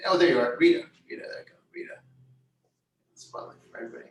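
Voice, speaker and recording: A man's voice: mid-range voice, wildly swooping pitch, quick pace, creaky, slight background noise. A man hosting an online club meeting, friendly and welcoming as he brings members on screen. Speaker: meeting host. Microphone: video call. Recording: roomy video-call audio from a distance.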